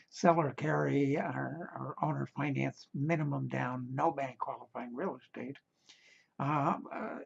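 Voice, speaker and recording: Gravelly man with a husky voice. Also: medium pitch, a bit bright, dull audio. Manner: halting, many fillers and restarts. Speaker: real estate seminar speaker. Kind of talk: casual spoken invitation and pitch.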